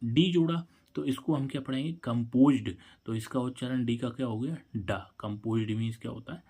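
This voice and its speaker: A man's voice: medium pitch, normal speed, dark tone, slightly rough. A man teaching an English spelling lesson, asking a question and then answering it himself, and spelling words out letter by letter. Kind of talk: classroom-style spelling lesson.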